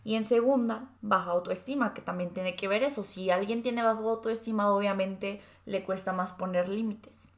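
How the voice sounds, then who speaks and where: A woman's voice: medium pitch, normal speed, few pauses, echoey room. A woman from Sonora with a northern Mexican accent, co-hosting a casual podcast and telling stories animatedly, mimicking other people's voices. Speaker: podcast co-host. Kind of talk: casual podcast chat and advice.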